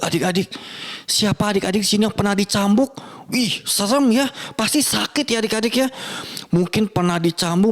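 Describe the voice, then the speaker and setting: A young man teaching children in church, telling a Bible story in an animated, playful way and asking the kids questions. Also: sits high.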